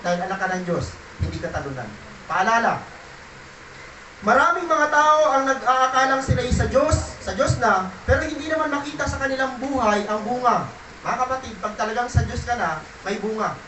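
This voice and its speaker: A man preaching a sermon in an animated way, swinging from loud bursts to quiet, low stretches. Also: echoey room, far from the mic, slight background noise, rough recording. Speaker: pastor.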